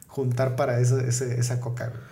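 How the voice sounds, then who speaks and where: A man's voice: mid-range voice, completely flat delivery, fairly quick, mellow. A man with a northern Mexican accent chatting casually and telling stories, slangy and profane, repeating words for emphasis. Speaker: comedian, podcast guest. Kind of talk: casual conversational storytelling. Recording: roomy echo, clear background noise.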